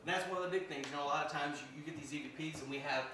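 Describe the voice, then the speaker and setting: A man's voice: a little high, very fast, bright, forceful tone. A man giving a casual talk to a live audience, chatty, laughing often and repeating himself. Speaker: filmmaker and ghost hunter giving a talk. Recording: echoey room from far off, background noise.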